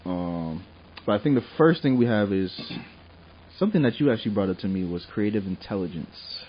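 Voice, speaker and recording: A man's voice: lowish voice, animated, fairly quick, muffled recording, slight background noise. A man from Liberia co-hosting a casual podcast chat, playful and full of fillers as he leads the agenda. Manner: playful, hypes others up, lots of fillers. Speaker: podcast co-host.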